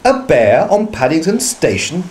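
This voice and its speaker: A man voicing a kindly, motherly middle-aged woman who fusses warmly over a stray bear. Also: a little high, huge pitch swings, measured pace, pitched above the performer's own voice, rough recording. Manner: warm-hearted and fussing.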